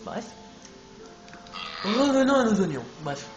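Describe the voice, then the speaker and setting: A man's voice: high voice, very animated, slow. Brief: casual let's play commentator, male, chatty and loose-tongued, roomy sound. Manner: chatty, rambling, swears casually. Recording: echoey room, game music behind.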